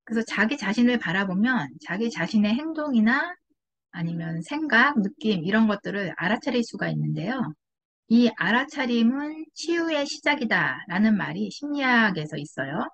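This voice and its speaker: A woman giving patient, soothing advice to parents on handling anger, in a calm explanatory tone. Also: fairly high pitch, moderate pace, vocal fry. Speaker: parenting educator. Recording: slightly dull lo-fi audio.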